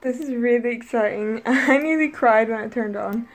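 A woman, talking casually to the camera in a vlog, excitable and gushing. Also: a little high, normal speed, faint music behind. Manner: excitable, gushing, with gasps and laughter. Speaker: vlogger.

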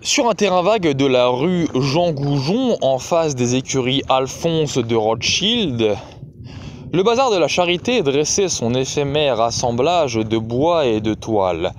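A man narrating a classic literary novel in a measured, even storytelling manner. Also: medium pitch, a little hiss or hum.

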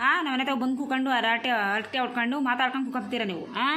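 A woman's voice: high-pitched, steady tone, racing, a little hiss or hum. A woman voicing a quarrelsome homeowner in a cartoon comedy, scolding and cursing her neighbours. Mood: furious. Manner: scolding, shouting curses at neighbours.

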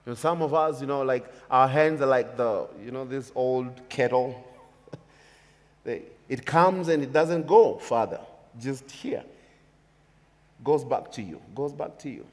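Here a pastor in his thirties, Kenyan-accented, preaches in a mid-range voice at a measured pace. His delivery from the church pulpit is emphatic and repetitive, the setting a church stage with a large hall whose long reverb colors the audio.

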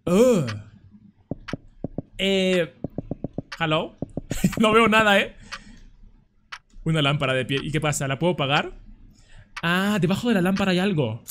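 A man's voice: sits high, animated, measured pace, long pauses, a bit bright, slight background noise. A young man commenting casually and jokingly as he plays a horror game, breaking into panicked screams at scares. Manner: chatty, jokey, screams in panic. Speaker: gameplay commentator.

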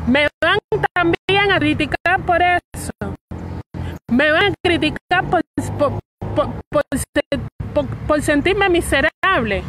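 A young woman with a Cuban accent talks straight to the camera in a raw, personal statement, stumbling and restarting her words. Her voice sits high. Loud street traffic runs behind her outdoors. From Cuba. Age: young adult. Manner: halting, repeats and restarts words. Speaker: fired state worker speaking out. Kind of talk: emotional personal video statement.

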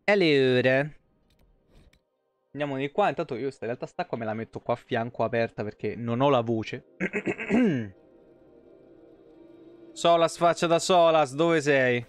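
An animated man in his thirties from Italy speaks in a mid-range voice, a little slowly and with long pauses, as faint music plays behind him. He's a live streamer playing a video game from an indoor home setup, chatting with viewers and swearing freely through casual commentary into a close streaming microphone.

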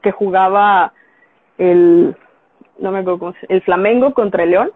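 A woman's voice: medium pitch, moderate pace. A woman with a Mexican Spanish accent, a graphic designer being interviewed, telling a story casually and acting out the dialogue she quotes. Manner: animated storyteller who acts out quoted dialogue. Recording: tinny phone-like, dry sound.

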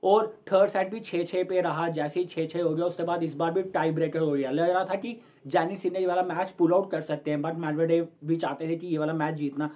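Brisk and steady, a young man with a dark, slightly high voice talks his friends, as he calls his viewers, through a match on his own sports channel. He speaks casually to camera from a room at home, using his hands to explain.

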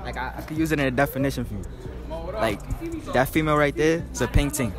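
A young man runs a casual street interview with a mid-pitched voice. Music plays clearly behind him in a busy public setting. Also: fast talker. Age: young adult. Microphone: small handheld recorder.

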